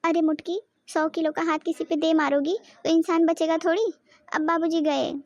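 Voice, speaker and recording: A scheming young daughter-in-law, voiced by a woman, with a very high, piping voice. She is bossy and sharp-tongued in this cartoon. The recording is close and dry. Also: little pitch movement, normal speed, no room sound. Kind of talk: cartoon voice acting.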